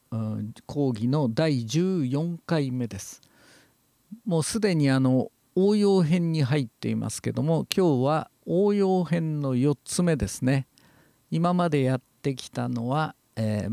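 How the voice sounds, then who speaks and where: A man giving a calm, measured lecture on voice training, explaining step by step with frequent hesitation fillers. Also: medium pitch, vocal fry, no echo, studio quality.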